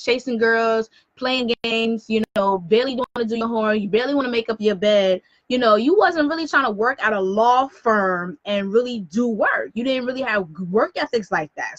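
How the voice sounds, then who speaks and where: Fast-talking, sassy woman in her thirties. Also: on the high side, no room sound, dull audio. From New York City. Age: 30s. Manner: fast, chatty and sassy, with slang asides. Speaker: business coach. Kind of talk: casual live-stream talk.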